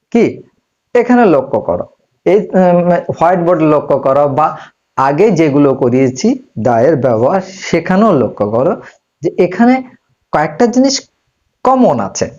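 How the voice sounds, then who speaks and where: A male English teacher giving a classroom-style grammar lesson, explaining slowly and asking and answering his own questions, in a room with a whiteboard. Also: on the high side, mellow, lo-fi sound.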